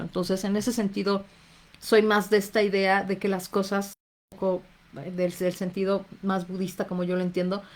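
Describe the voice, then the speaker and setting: Mexican woman hosting a live talk. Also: medium pitch. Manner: conversational, reads out viewers' names, acts out little inner voices. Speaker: therapist and live-stream host. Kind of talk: live-stream talk to viewers.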